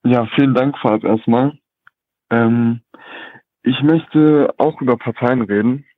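A man's voice: mid-range voice, slow pace, no echo. A man of twenty calling in to a radio talk show over the phone, talking in a hesitant way with many fillers. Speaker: caller. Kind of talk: casual call-in chat. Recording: tinny dry phone line.

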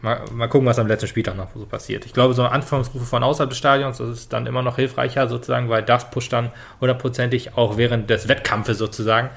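A man's voice: medium pitch, little pitch movement, fast, gravelly, hardly any pauses, fairly bright tone. A man co-hosting a casual football podcast, talking hesitantly with many fillers and restarts. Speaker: podcast co-host.

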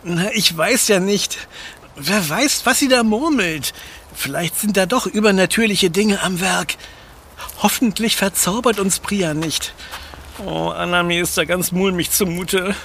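An excitable young man who sees the supernatural everywhere. His voice is high and bright, bubbling with eagerness. Faint room noise lies underneath. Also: measured pace. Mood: nervous. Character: curious, jumpy young guy who loves ghost stories. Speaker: Ben, lead in audio drama. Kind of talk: children's audio drama acting.

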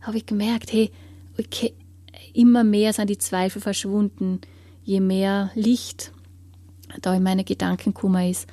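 A woman giving an earnest personal testimony in an interview, often sinking into a hushed whisper as she searches for words. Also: mid-range voice, little pitch movement, moderate pace, dry recording.

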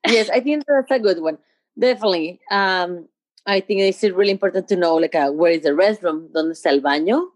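A Mexican woman with a Mexican accent, a Spanish speaker chatting as a podcast guest, halting as she searches for English words. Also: lowish voice, no echo. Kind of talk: casual chat.

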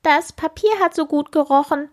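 A woman voicing small, timid ladybugs in a storybook reading, squeaking in a sheepish way. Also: fairly even intonation, normal speed, lightly acted.

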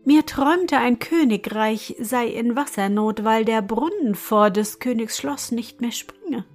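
Woman putting on a bright, eager countess. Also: animated, measured pace, faint music behind. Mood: earnest. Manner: higher, eager, pleading. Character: clever, kind griffin's wife, countess.

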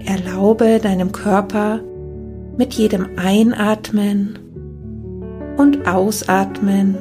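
Woman doing guided meditation, super slow n gentle, calm, music playing behind her. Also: mid-range voice. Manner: soft, calming, unhurried.

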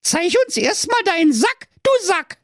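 A man voicing cheeky little goat kids in a shrill, squeaky voice. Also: very animated, measured pace, a bit bright, dry recording, clean studio sound, heavily acted.

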